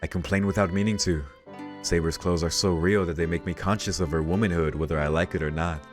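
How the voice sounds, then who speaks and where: Quick and steady, with a low-pitched voice, a let's play host reads through a visual novel and reacts casually along the way. The game's music runs in the background.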